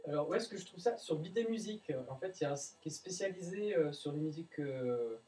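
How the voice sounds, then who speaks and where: A man's voice: fairly high pitch, expressive, fast, warm tone, far from the mic, poor audio. A man presenting a blind test on a radio show, playful and chatty, joking about bad songs. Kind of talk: casual radio chat.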